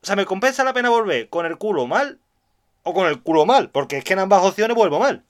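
A man from tells a rambling funny anecdote in a relaxed chat. He acts out every line of dialogue in his story and often breaks into laughter. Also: high voice, a little fast. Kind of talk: casual comic storytelling.

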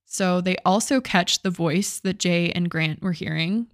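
A woman's voice: on the low side, measured pace, no room sound. Chatty young woman, dry close sound. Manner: casual, swears, many "like" fillers. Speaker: podcast co-host. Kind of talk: casual storytelling chat.

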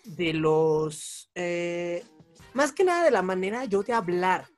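A man's voice: high voice, animated, slow pace, soft background music. A young man with a Mexican accent, chatting as an interview guest, talkative and self-mocking, laughing often. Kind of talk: casual chat.

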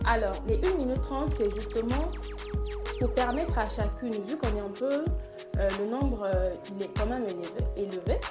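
A woman's voice: on the high side, expressive, over loud music. Woman in her twenties moderating, roomy sound. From Congo. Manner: measured, with hesitant restarts. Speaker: discussion moderator. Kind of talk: podcast group discussion.

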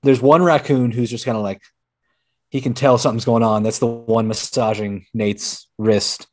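A man's voice: medium pitch, steady tone, moderate pace. A man playing a tabletop game, thinking aloud and hesitating as he talks. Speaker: player. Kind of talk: casual tabletop play.

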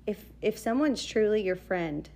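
A woman co-hosting a podcast in casual chat, chatty and quick to laugh, often restarting her sentences. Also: mid-range voice, lively intonation, mellow. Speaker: podcast co-host.

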